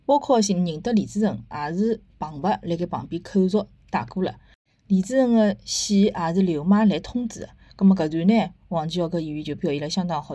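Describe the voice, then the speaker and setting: A woman with a Shanghainese accent talks in a low, mellow voice with a slightly husky edge. She sounds conversational and opinionated, like a host casually retelling and reviewing a story. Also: no echo. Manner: conversational, opinionated, with rhetorical tag questions. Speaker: host of a book and theatre review podcast.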